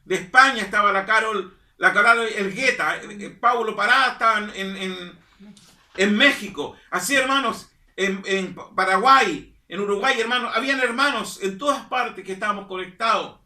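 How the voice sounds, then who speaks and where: A man's voice: high voice, moderate pace, bright, forceful tone, distant mic. A man preaching a sermon as pastor, stressing and repeating his phrases and calling the listeners brother. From Chile. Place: church hall. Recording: echoey room, voice from off-mic.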